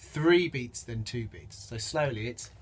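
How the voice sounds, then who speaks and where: Over heavy background noise from loud drumming, a man runs an instrument demonstration lesson on samba percussion, counting and vocalizing the rhythms as he plays. He speaks in a very animated, mid-range voice at a measured pace.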